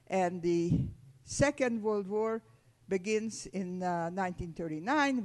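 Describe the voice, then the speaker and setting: A woman in her eighties from Hungary, speaking, gives a measured, deliberate testimony talk to a school audience. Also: medium pitch, a little mellow. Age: 80s. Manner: measured, deliberate, addressing children directly. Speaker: Holocaust survivor speaking to students.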